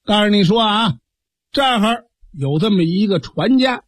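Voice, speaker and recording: A man's voice: high voice, expressive, a little slow, no echo, studio quality. A man doing a blustering imperial guard hero. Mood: commanding. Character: bold commanding male imperial guard hero.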